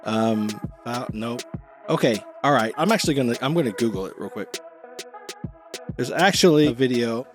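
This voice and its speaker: A man's voice: mid-range voice, lively intonation, moderate pace. A man who works as an acting coach, chatting casually and self-deprecatingly as he reacts to music videos.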